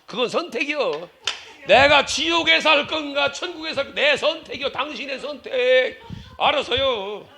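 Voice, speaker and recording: A middle-aged male pastor preaching a sermon in a church, acting out quarrels with sudden shouts and dropping to whispers. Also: extremely high pitch, lively intonation, moderate pace, gravelly. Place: church sanctuary.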